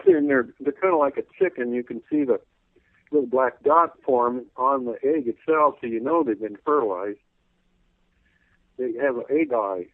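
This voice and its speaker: A man calling in as a radio guest, rambling folksily with lots of "you know," clearing his throat as his voice wears out. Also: medium pitch, moderate pace, dry recording. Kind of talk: casual call-in radio interview. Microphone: telephone. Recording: tinny phone line.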